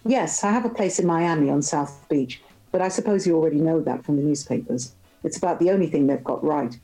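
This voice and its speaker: Woman reading as a smooth young rich man, self-assured, charming, low dark voice. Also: fairly quick, faint music behind, rough recording. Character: suave confident young male tycoon. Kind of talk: reading a novel aloud.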